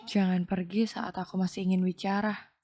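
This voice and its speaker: A woman's voice: medium pitch, flat delivery, normal speed, natural voice. A woman reading as a fed-up, defiant young woman. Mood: irritated. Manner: sharp and irritated. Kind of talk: audio novel reading.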